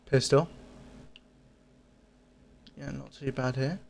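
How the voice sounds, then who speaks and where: A man's voice: medium pitch, steady tone, slow, gravelly, very noisy. A man hosting a casual review of game cosmetics. He talks in an easygoing, repetitive way and often corrects his own slips. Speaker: gaming channel host.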